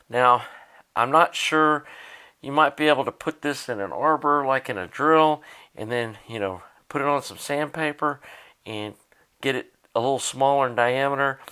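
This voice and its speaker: A hobbyist shows how he fixes a tape deck, his medium-pitched, sharp-toned voice narrating casually and without a script. He thinks out loud in plain language while he works.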